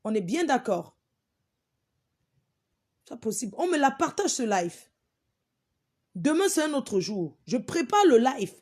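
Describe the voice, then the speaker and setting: A woman's voice: high voice, big pitch swings, moderate pace, a little mellow. A woman hosting a live stream, scolding her viewers in an exasperated, repetitive way. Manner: exasperated, repeats herself, scolding.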